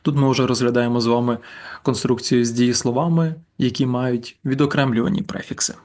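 Male language teacher, patient explainer, mid-pitched, walks through slides and drills example words slowly. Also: fairly even intonation, a little mellow. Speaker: German teacher. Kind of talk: slide-based grammar lesson.

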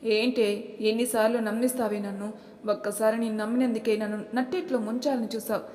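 A woman's voice: a little high, fairly even intonation, brisk, darkish tone, close to an everyday voice. A woman voicing a bitter, domineering young husband in an audiobook, speaking in a scornful, taunting way. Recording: echoey room with long reverb.

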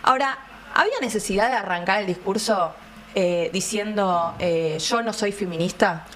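A woman's voice: mid-range voice, moderate pace, a bit bright, a little hiss or hum. A woman with a Rioplatense Argentine accent arguing as a political panelist in a questioning, argumentative way. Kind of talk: panel debate.

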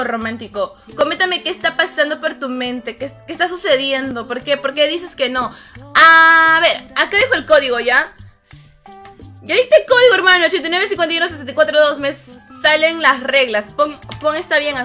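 A young woman chatting casually on a live game stream, greeting viewers by name and reading their comments, her voice a little strained. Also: pushed and bright. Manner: ends phrases with a low, drawn-out "hermano". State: voice strained, rough.

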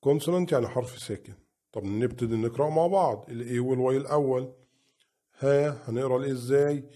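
A man with an Egyptian Arabic accent teaches English phonics to children. He drags out each sound in slow, repeated drills and slips into friendly, chatty asides. His voice is mellow and warm, sitting at an ordinary pitch.

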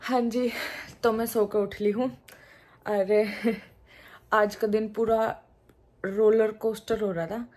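A woman's voice: mid-range voice, little pitch movement, slow, pauses often, a little mellow. A woman in her thirties with a Haryanvi accent, chatting casually to her phone camera at home in a homely, laughing way. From Haryana, India. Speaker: vlogger. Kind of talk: casual vlog talk to camera. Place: indoors at home, seated. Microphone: phone held at arm's length.

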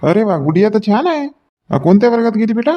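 Man, fairly high voice, talkative shopkeeper patter, comic sketch, dull lo-fi recording. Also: sing-song, quick pace. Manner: chatty salesman patter, joking with customers.

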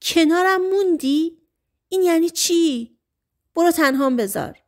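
A defiant young woman in an audiobook, her voice climbing high and sharp, as a woman narrator puts her on. She talks back hard and raises her voice often. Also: lively intonation. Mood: angry.

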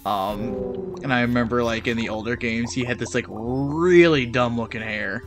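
A man's voice: medium pitch, moderate pace, music in the background. A man streaming a game with friends, talking casually, playful and laughing often, with a groggy voice. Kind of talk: casual gaming stream chat.

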